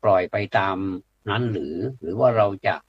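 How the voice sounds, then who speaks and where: A man's voice: fairly low pitch, moderate pace, breathy edge, no echo. A man giving a plain-spoken, blunt public talk to an audience, hesitating often with fillers. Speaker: speaker addressing a community audience. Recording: dull lo-fi dry recording.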